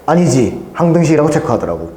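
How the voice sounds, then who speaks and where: Male cram-school math tutor, chatty and animated, pitch swings wide, echoey classroom. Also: fast talker, slight background noise. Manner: chatty, animated, mimics students in high squeaky voices. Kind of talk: casual classroom lecture.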